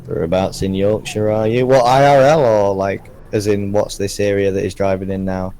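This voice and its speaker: A man's voice: lowish voice, steady tone, normal speed, warm tone, slight background noise, low-quality recording. A man who created the game map, chatting casually on a stream with dry, self-deprecating humor.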